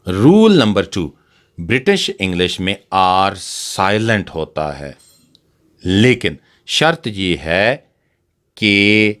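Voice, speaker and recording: A man explains pronunciation rules slowly and carefully, pausing on each example word. His voice sits a little low and sounds smooth and resonant. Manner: patient, repeats example words one by one. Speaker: English teacher. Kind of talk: slow explanatory lesson.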